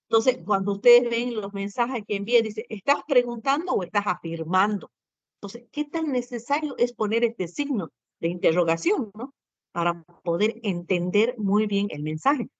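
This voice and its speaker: A woman's voice: medium pitch, no room sound, dull audio. A woman teacher giving a grammar lesson to students, explaining step by step, often adding tag questions and fillers.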